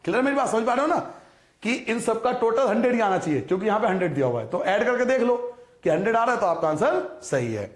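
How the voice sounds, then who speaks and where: A male maths teacher with a high, light voice talks his class through each step, repeating numbers and checking that they follow. He asks questions and answers them himself. The sound echoes around the room. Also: expressive, quick pace. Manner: patient, repetitive explaining, addresses students as beta; rhetorical questions to students. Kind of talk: recorded classroom lesson.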